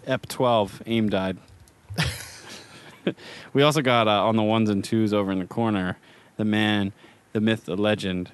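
Jokey low-voiced male podcast host. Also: fairly even intonation, a little slow, long pauses, clear, resonant tone. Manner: jokey, playful banter. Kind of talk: casual chat.

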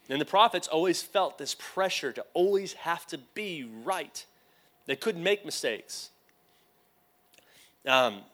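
A man's voice: a little high, a bit bright. A male pastor teaching a sermon, often putting questions to the congregation.

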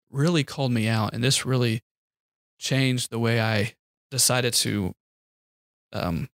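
A man co-hosting a podcast, telling a personal story about his son in a lively way and acting out the quotes. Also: mid-range voice, no echo, clean studio sound. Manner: animated storyteller, acts out quotes. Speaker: podcast co-host. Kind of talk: casual storytelling chat.

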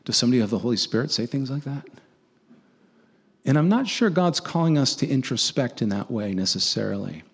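A man's voice: medium pitch, very animated, fairly quick, slightly rough. A man preaching a conversational sermon, earnestly asking his listeners rhetorical questions and often restarting his sentences.

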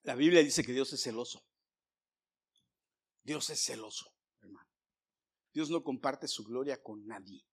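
A male pastor preaching a sermon, swinging from loud emphasis to hushed whispers and speaking straight to the congregation. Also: mid-range voice, measured pace, long pauses, slightly rough. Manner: addresses the congregation directly, asking for amens.

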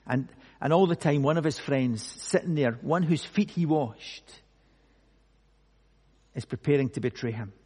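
Slow husky preacher in a reverberant hall. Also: male voice, fairly high pitch, warm tone. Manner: slow, emphatic preaching with dramatic pauses. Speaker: pastor. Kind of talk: sermon.

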